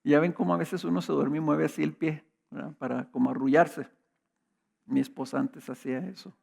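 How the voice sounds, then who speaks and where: A man's voice: on the high side, fairly even intonation, brisk, vocal fry, darkish tone. A middle-aged man preaching a sermon, telling personal stories in a conversational way with rhetorical questions. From Mexico. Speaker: pastor.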